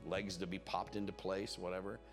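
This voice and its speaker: A pastor speaks to his church in a low, gravelly voice. He preaches in an easy, conversational way and tells his stories like he is chatting with friends. Soft music plays faintly behind him. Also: fairly quick. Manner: conversational, animated retelling with acted-out quotes. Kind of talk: sermon storytelling. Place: church service.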